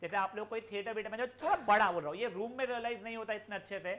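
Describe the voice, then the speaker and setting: A young man teaches physics to students in an online class. His voice sits high and sounds bright. He explains in a chatty mix of Hindi and English and calls the students "beta". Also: very fast, a little hiss or hum. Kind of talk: live online class lecture.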